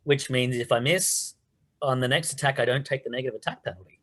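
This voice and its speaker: A man playing in a tabletop game, calmly stating his moves and rolls. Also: medium pitch, quick pace. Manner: matter-of-fact, calling out rolls. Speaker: player. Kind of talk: casual tabletop game play.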